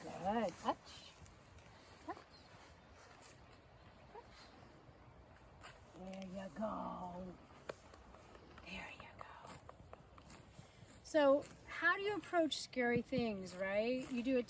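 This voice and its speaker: A woman's voice: a little high, recorded from a distance, a little hiss or hum, low-quality recording. A woman horse trainer teaching outdoors with her horses and talking straight to her viewers in a chatty way. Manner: chatty, addresses viewers directly.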